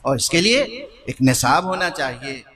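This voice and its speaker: A man's voice: medium pitch, expressive, a bit bright. A middle-aged man preaching a sermon as a cleric, repeating phrases for emphasis and putting rhetorical questions to his listeners. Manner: rhetorical questions to the audience, emphatic repetition, slows down to stress words. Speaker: Shia cleric giving a majlis sermon.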